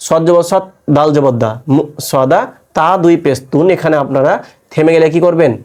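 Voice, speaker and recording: A man leads a step-by-step Quran recitation lesson, his voice sitting a little high for a man. He spells out each letter and vowel mark, then chants the joined word in a slow, drawn-out recitation tone. He often asks his listeners a question and answers it himself. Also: steady tone, darkish tone.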